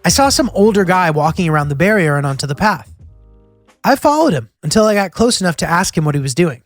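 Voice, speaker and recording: A man narrates his road trip in a scripted, storytelling voice that sits a little high for a man. His humor is wry and self-deprecating. Music plays clearly under him the whole way. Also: very animated, fast, no room sound. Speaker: host and narrator of a travel series.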